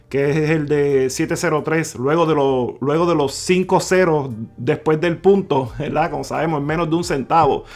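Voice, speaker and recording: A man hosting a crypto video, talking viewers through numbers on screen, calling them "mi gente" and repeating figures slowly. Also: fairly high pitch. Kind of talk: screen-share explainer talk. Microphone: voice-over on screen recording.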